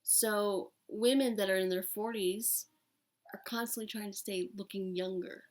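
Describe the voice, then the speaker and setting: A woman in her late thirties talks casually, as if to a camera. Her mid-pitched voice carries a smoker's rasp. She takes her time, wandering off on tangents and speaking frankly with firm emphasis. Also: steady tone, unhurried. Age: late thirties, almost forty. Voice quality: raspy, like a longtime smoker's rasp. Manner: candid, digressive, emphatic. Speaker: vlogger talking to camera. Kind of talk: casual rambling chat.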